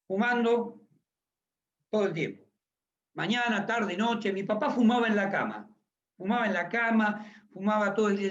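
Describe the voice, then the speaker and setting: Middle-aged pastor preaching, high voice, emphatic, dull lo-fi recording. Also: male voice. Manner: emphatic, asks the congregation questions. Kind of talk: sermon.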